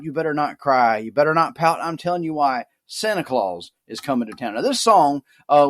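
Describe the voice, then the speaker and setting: Sardonic man hosting a podcast. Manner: dry, sardonic, mock-serious; lively, animated pitch. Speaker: podcast host. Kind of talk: wry comic monologue.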